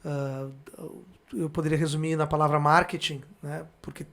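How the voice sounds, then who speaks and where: Slightly high voiced guy from porto alegre, southern brazil accent, podcast guest, chats haltingly. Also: flat delivery, creaky, fairly bright tone. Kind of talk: casual chat.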